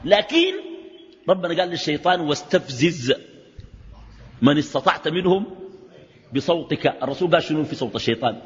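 A middle-aged man with a Sudanese Arabic accent gives a colloquial religious lecture and keeps firing rhetorical questions at his listeners. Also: high voice. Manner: animated, fires rhetorical questions at the audience. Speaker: sheikh giving a religious lecture. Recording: reverberant hall, dull lo-fi sound.

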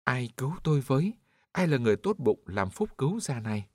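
A man's voice: medium pitch, sing-song, brisk, dry recording, voice pushed up. A man voicing a desperate old man trapped under a cart in an audiobook, crying out in a raised voice. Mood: pleading. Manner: wailing, desperate cries.

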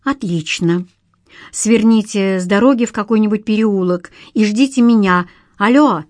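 A woman reading a calm, terse detective. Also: mid-range voice, normal speed, dry recording, studio quality, close to an everyday voice. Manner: calm, clipped commands. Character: calm male detective, level-headed, terse.

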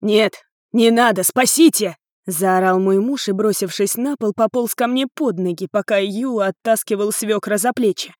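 A woman reading a novel aloud in a calm, detached narrating voice. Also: medium pitch, moderate pace, dry recording, clean studio sound. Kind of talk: audiobook narration.

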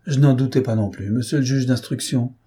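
A man reading the part of an ironic, self-assured gentleman thief in an audiobook, composed and teasing. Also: medium pitch, fairly quick, slightly rough.

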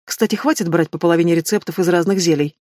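A woman voicing a sharp-tongued young female student who answers with cool, mocking retorts. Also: on the low side, quick pace, no echo, clean studio sound, lightly acted. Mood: exasperated.

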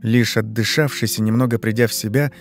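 A man narrating a horror story in a steady, measured way. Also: on the low side. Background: faint music.

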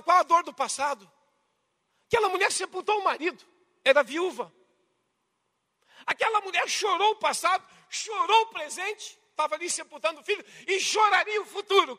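A man with a Brazilian Portuguese accent preaching a sermon to his congregation, swinging dramatically between loud, emphatic passages and hushed ones. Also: extremely high pitch. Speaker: pastor. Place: church hall. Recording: long reverb of a church hall.

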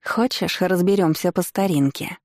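A woman's voice: lowish voice, normal speed, darkish tone, dry recording, clean studio sound, close to an everyday voice. A woman reading an audiobook, voicing a furious, jealous young aristocratic witch who sneers and accuses. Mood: taunting. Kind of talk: audiobook character voice.

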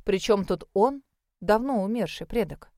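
A woman's voice: mid-range voice, expressive, unhurried, darkish tone, dry recording, studio quality. A woman voicing a young female academy applicant who answers firmly and guardedly. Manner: firm, clipped replies.

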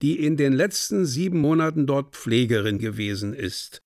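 A man's voice: mid-range voice, normal speed, a little mellow, no room sound, clean studio sound, lightly acted. A man playing a sly, bawdy drinking companion in a radio play, gossiping and swearing oaths.

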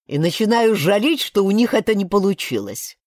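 A woman voicing a gruff male sheriff who grumbles and speaks curtly. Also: mid-range voice, big pitch swings, normal speed, darkish tone, no echo, studio quality, pitched above the performer's own voice. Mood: grumbling. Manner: grumbling, curt.

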